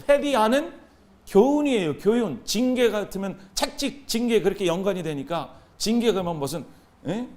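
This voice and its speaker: Animated high-voiced male pastor preaching. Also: moderate pace. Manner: animated, call-and-response with the congregation. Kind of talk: sermon.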